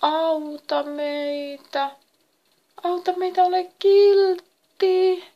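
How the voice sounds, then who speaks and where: A woman voicing a chorus of trapped evil spirits, calling out slowly and high-pitched with drawn-out pleas. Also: monotone, dull audio. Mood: pleading.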